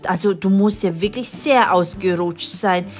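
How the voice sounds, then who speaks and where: A woman voicing a relaxed, blunt male doctor in a kids' animated story. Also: lowish voice, unhurried, soft background music, voice pushed down, close to an everyday voice. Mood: offhand. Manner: casual, dismissive.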